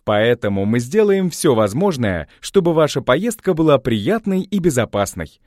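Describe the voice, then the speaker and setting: A man reading recorded phone menu announcements in a slow, formal, evenly spaced way. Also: mid-range voice, big pitch swings, darkish tone, no room sound, clean studio sound. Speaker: voice-over announcer.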